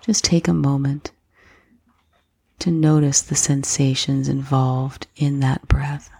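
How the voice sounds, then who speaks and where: Low, breathy woman guiding slow breath counting. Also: fairly even intonation, no room sound. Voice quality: soft, breathy, husky, often near whisper. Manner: slow, gentle, unhurried instruction with pauses. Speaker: meditation guide. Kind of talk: guided breath-counting meditation.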